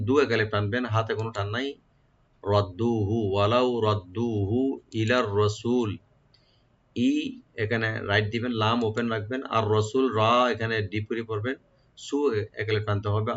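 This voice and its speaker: A man teaching Quran recitation. He chants each phrase slowly, repeats it, and then explains how to pronounce it. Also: on the low side, fairly bright tone. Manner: breaks verses into syllables, repeats slowly, then explains pronunciation rules. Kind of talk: step-by-step tajweed lesson. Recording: dull lo-fi recording.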